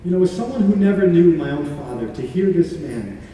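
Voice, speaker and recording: A man's voice: fairly high pitch, expressive, dark tone, a little hiss or hum, lightly acted. A man playing a remorseful condemned criminal. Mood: awed confession. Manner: earnest, halting, repeats words. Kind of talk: dramatic church monologue. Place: large church sanctuary. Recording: echoey hall from far off.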